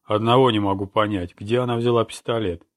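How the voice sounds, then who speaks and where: A gruff, blunt veteran commissioner, read by a man. He sounds exasperated, with a low voice. His words are plain and to the point. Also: steady tone, fairly quick, dry recording, clean studio sound, close to an everyday voice.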